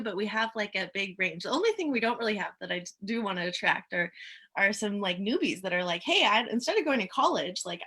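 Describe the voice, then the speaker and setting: A woman's voice: mid-range voice, bright, forceful tone. A woman hosting an online interview, chatting in an upbeat, enthusiastic and casual way. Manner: upbeat, enthusiastic, quick to laugh. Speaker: host. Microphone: video call.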